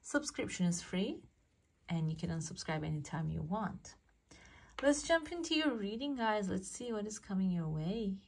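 A woman's voice: medium pitch, sing-song, moderate pace, creaky. A woman speaking as a fortune teller, giving a casual reading straight to the viewer and musing aloud as she interprets. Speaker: fortune teller, channel host. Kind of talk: casual coffee cup fortune-telling reading.

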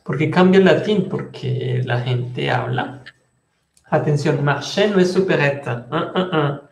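A man's voice: fairly high pitch, animated, a little slow, roomy sound. A man teaching French in an online class, explaining patiently and switching between Spanish and French.

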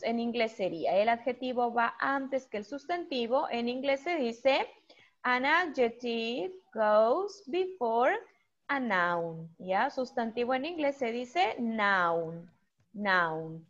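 A woman teaching a primary school English class online, drilling vocabulary with slow, patient repetition. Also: a little high, muffled recording.

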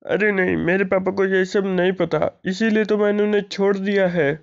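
Brief: man doing a high, flat-toned crooked young cop son, whiny. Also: moderate pace, gravelly, dull audio. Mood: scheming. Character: greedy corrupt young police officer son. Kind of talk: gameplay story voice-acting.

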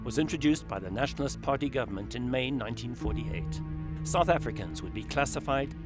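A man reading scripted documentary narration in a measured, grave, low-toned voice. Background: loud music score.

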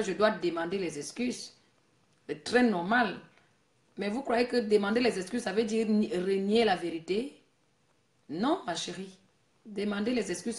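Woman host of a casual live stream, scolding and preachy, mid-pitched, recorded in an echoey room. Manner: scolding, preachy, repeats herself.

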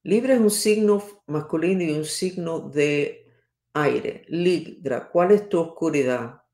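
A woman's voice: deep voice, a little mellow. Emphatic woman astrologer in a roomy space. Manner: emphatic and dramatic, acts out each sign. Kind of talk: spoken horoscope reading. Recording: roomy echo.

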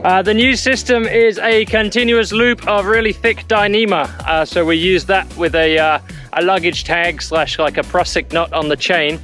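A man narrating a sailing vlog as the boat's captain, easygoing and explanatory, with relaxed fillers. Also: high voice, normal speed, soft background music. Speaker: boat captain.

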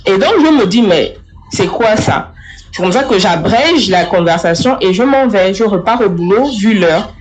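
A young woman giving a first-person spoken testimony, telling her story in a lively way and speaking straight to the listener. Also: mid-range voice, normal speed, rough recording.

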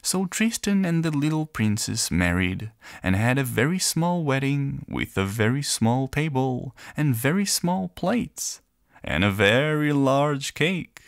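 A man reading a children's fairy tale aloud in a gentle, playful storyteller manner. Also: mid-range voice, clean tone, no room sound, studio quality. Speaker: narrator.

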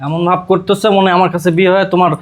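A performer playing a calm middle-aged husband and father, mild and placating. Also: medium pitch, racing, lightly acted.

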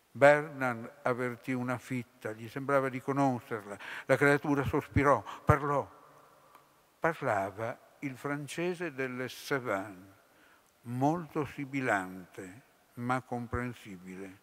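Slow-reading man in a reverberant hall. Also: mid-range voice, fairly bright tone. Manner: measured, deliberate phrasing. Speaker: literature lecturer. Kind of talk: slow dramatic reading aloud. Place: lecture hall.

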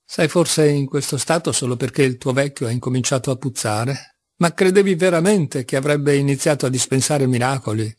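A man's voice: medium pitch, a little fast, no room sound, natural voice. A man reading an audiobook, voicing a mocking, ironic young male seminarian who teases with astonished sarcasm. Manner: teasing, sarcastic, by turns astonished. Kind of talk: audiobook reading of a classic novel.

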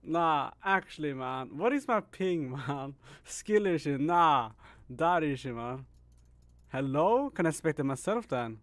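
A man's voice: fairly high pitch, lively intonation, slow pace, fairly bright tone, no room sound. A young man live-streaming a game, chatting casually with viewers, laughing often and calling people bro and man. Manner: laid-back, laughs often, says "bro" and "man" a lot.

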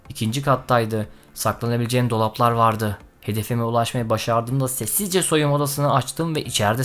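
A man narrating a tense first-person story in a dramatic, scripted style. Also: medium pitch.

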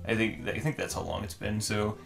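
A man's voice: lowish voice, fairly even intonation, a little fast, gravelly, fairly bright tone. A man casually commentating as he plays a game, his voice sounding tinny and metallic, like he is in a tin can. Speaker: host and player of a gaming series. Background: video game music.

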